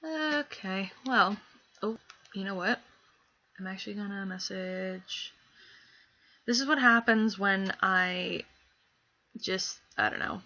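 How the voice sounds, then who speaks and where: A woman's voice: mid-range voice, takes it slowly, pauses often, sharp tone. A young woman live streaming from home, chatting casually in a rambling, giggly way, her throat scratchy from a cold. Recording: dull lo-fi stream audio.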